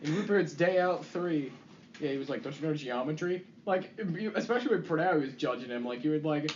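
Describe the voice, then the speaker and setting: A man's voice: a little high, animated, fast talker, roomy sound, dull audio, slight background noise. A young man co-hosting a podcast in loose casual chat, with a lot of filler words and laughter. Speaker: podcast co-host.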